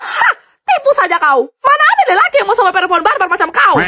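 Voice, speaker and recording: A woman's voice: extremely high pitch, sing-song, fast talker, sharp tone, full character voice. A woman voicing a blunt, scolding middle-aged mother with a Medan Batak accent. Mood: nagging. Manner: blunt, nagging, exclaiming.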